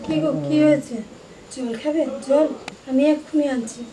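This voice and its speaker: A woman acting as an anxious mother and wife, calling out to her husband in a high voice. She is heard in a roomy space with noise behind her, like an amateur short film. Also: normal speed, close to an everyday voice. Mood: worried care. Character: worried middle-aged mother and wife. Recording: roomy, noisy home recording.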